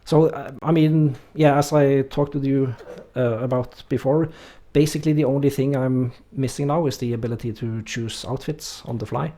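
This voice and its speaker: At a moderate pace with few pauses, a medium-pitched man from Norway streams a game and talks casually with his viewers. His Norwegian accent comes through as he reads chat aloud, relaxed, hesitant, and heavy on fillers.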